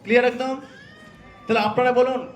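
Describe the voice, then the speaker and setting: A man leads an interactive scripture class, quizzing his students and often checking that they're following. His voice is very high and level, moving a little fast. The recording comes from an echoey hall with a crowd.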